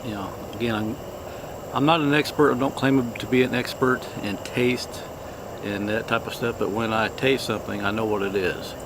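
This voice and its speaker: A man hosting a casual product review, talking in an unhurried, halting, plainspoken way. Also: on the low side, fairly even intonation, noisy background. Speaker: cigar review host.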